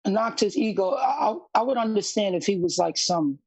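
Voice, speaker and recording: Male podcast panelist, husky and dry-sounding, insistent, repetitive phrasing, casual sports argument. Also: high voice, expressive, darkish tone, no room sound. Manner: halting, repeats words, insistent.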